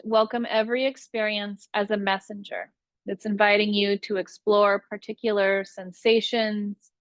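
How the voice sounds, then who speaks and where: A woman guides a yoga nidra meditation, giving soothing, unhurried instructions with long pauses between phrases. Her voice is mid-range and the recording is dry.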